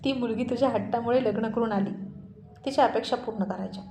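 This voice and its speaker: A woman voicing a wise, caring mother-in-law who speaks calmly but firmly. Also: on the high side, fast, a little hiss or hum, close to an everyday voice. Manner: calm, firm, admonishing. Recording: roomy echoey recording.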